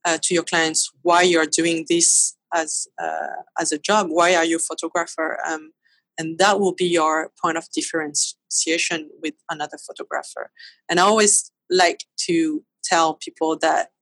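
A woman speaks English with a French accent in a lowish voice. She talks earnestly and reflectively, with pauses and restarts. The recording is dry and close, with no room sound. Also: fairly even intonation, a bit bright, dry recording, low-quality recording. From France. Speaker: guest photographer. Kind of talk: podcast interview.

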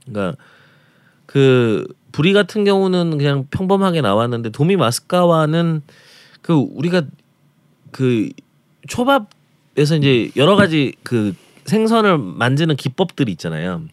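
A man tells his food travel stories on a radio talk show, going through each dish in careful detail. His pitch rises and falls a lot as he talks. The sound is dry and close. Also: sing-song, measured pace, no echo. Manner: detailed, descriptive storytelling about restaurants. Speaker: food travel segment presenter.

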